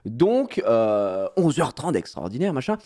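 A man telling a story casually to his viewers, in an animated, slangy way, often laughing at himself. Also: medium pitch, unhurried. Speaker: streamer.

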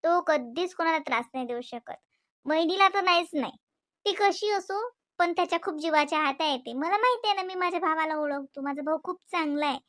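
A woman's voice: extremely high pitch, animated, fairly quick, a bit bright, no echo, studio quality. A woman plays a wife in a domestic comedy skit. She complains with worry and pushes her point with heated insistence. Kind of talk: scripted domestic comedy dialogue.

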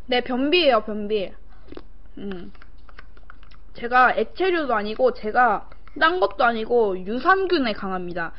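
High-voiced young woman livestreamer. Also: very animated, unhurried. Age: young adult. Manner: talks while eating, with short murmurs between phrases. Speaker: live-stream eating show host. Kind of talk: casual live-stream chat with viewers. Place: small room indoors. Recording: dull, lo-fi stream audio.

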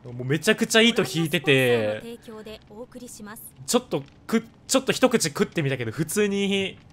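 Hoarse, chatty male game streamer. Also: high-pitched, very animated, unhurried, a bit bright. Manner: chatty, rambling, thanks viewers for donations. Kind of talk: casual live-stream gameplay chat.

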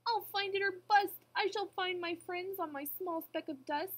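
Woman as Horton, earnest high-voiced elephant. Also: big pitch swings, moderate pace. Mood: determined. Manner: earnest, pleading. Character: big, kind, protective, anxious male elephant.

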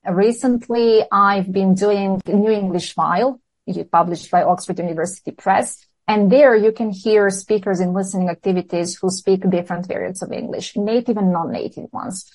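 A woman's voice: medium pitch, steady tone, moderate pace, hardly any pauses, a little mellow, poor audio. Earnest Serbian-accented woman teacher. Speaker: English teacher. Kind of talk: podcast interview answers.

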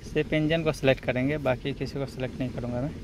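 Working at a car's engine bay, in and around the vehicle, a male auto electrician and video host explains a repair one step at a time, often checking in with brief tags. He talks fast in a mid-range voice with fairly even intonation. The handheld workshop audio carries engine noise.

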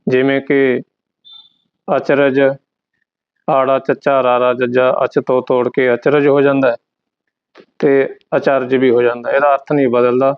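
A man's voice: mid-range voice, little pitch movement, smooth. A man teaching how to pronounce scripture, stopping the reading to correct it word by word. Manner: slow, deliberate, instructive. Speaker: Gurbani recitation teacher. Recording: dull lo-fi audio.

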